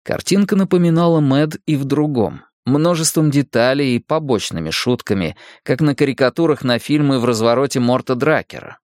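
Male narrator, mid pitch, steady measured reading, dry booth sound. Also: dry recording. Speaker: audiobook narrator. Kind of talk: scripted narration.

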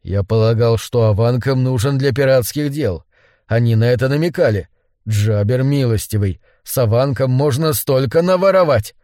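A man voicing a gruff, weary male ex-smuggler who talks coarse, low and grumbling, in an audiobook. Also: moderate pace, mellow, no echo, studio quality, close to an everyday voice. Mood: grim.

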